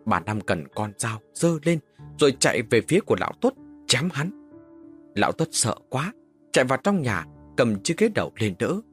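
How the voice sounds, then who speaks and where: A man's voice: mid-range voice, big pitch swings, normal speed, soft background music. A man telling a first-person horror story as an audiobook narrator, with dramatic, varied delivery.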